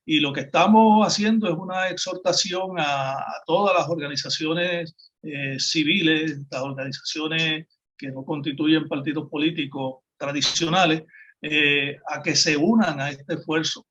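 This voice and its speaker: A Puerto Rican man hosting a political talk, his voice a little raised in pitch. He speaks formally for his group, and the audio sounds muffled and lo-fi. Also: steady tone, measured pace, fairly bright tone. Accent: Puerto Rican Spanish. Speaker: host. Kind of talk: political discussion. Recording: dull lo-fi sound.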